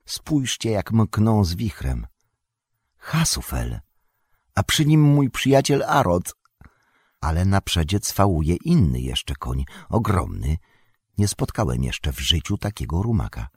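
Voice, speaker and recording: A man voicing a calm, keen-eyed young male elf in an audiobook, quiet and wondering. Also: deep voice, takes it slowly, husky, dry recording, studio quality, heavily acted. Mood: awed. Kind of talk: audiobook character voice.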